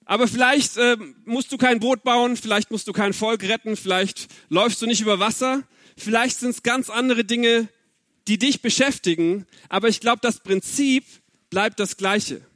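A man's voice: very high voice, normal speed, fairly bright tone, no echo, studio quality. A man in his thirties giving an earnest, personal sermon and speaking straight to his listeners. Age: 30s. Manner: earnest, personal, addressing the audience directly. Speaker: preacher.

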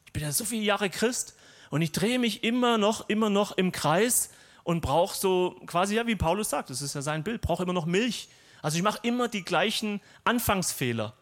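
Chatty, somewhat high-voiced male preacher. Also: fairly bright tone. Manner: conversational, personal, lightly humorous. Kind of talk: sermon.

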